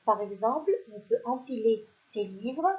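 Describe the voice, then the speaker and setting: A woman teaching young children to read, spelling out words slowly and clearly, syllable by syllable. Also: a little high, lively intonation, darkish tone. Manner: slow, clear, stretches out syllables. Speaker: primary school teacher. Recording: dull lo-fi sound.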